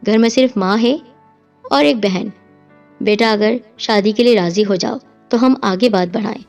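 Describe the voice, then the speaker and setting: A middle-aged mother coaxes with quiet hope, voiced by a woman storyteller. Her pitch sits in the middle. Faint music runs under her. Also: natural voice. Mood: hopeful. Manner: hopeful, pleading.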